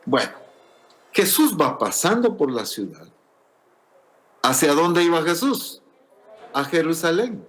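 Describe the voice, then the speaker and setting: A man's voice: on the high side, very animated, takes it slowly, pauses often, fairly bright tone. A man preaching a sermon in church, earnest and explanatory, asking rhetorical questions.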